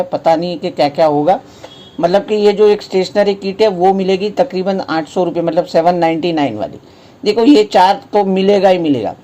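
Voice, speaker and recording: A man's voice: high-pitched, warm tone. A man with an Indian accent presenting a promotional offer in a casual explainer style, restating points and answering his own questions. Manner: explanatory, repeats and rephrases points, poses questions then answers them.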